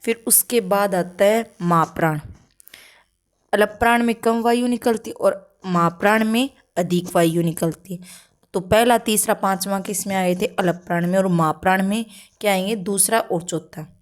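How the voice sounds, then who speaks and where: A woman of medium pitch and normal speed quizzes her own class during an exam-prep grammar lesson. She asks questions, supplies the answers herself, and keeps checking in with frequent "okay" tags.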